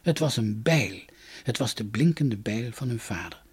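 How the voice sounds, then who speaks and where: Husky breathy guy reading a fairy tale aloud, calm and soft. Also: mid-range voice, moderate pace. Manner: calm, soft storybook narration. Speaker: storyteller.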